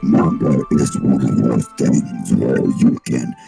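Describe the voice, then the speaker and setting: A man putting on a demon voice to read visual novel narration, growling so deep the words are hard to make out. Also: slow pace, gravelly, warm tone, soft background music, heavily acted. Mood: menacing.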